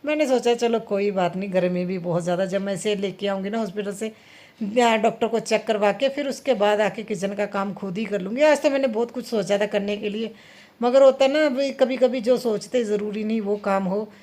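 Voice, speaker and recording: A woman's voice: medium pitch, fairly quick, darkish tone. A woman in her thirties chatting casually to viewers in a home vlog, talking her way through kitchen chores. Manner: chatty, addresses viewers directly. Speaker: vlogger mother.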